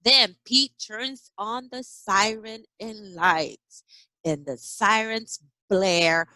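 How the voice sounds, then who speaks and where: Reading extremely slowly in a medium-pitched, sharp-toned voice, a woman early education teacher performs a children's picture book expressively. She acts out sound effects and exclamations, asks her young listeners chatty questions, and the sound has no echo.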